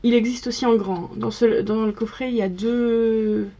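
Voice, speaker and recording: A woman's voice: a little high, fairly even intonation, normal speed, warm tone. A young woman chatting casually through a makeup tutorial, narrating each step as she works in front of the camera. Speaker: makeup vlogger.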